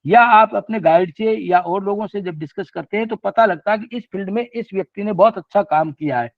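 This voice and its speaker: An older man giving an academic lecture, mixing Hindi explanations with slowly read English points. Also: sits high, dry recording. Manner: mixes Hindi with slow read-out English lines. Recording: dry, tinny phone-like sound.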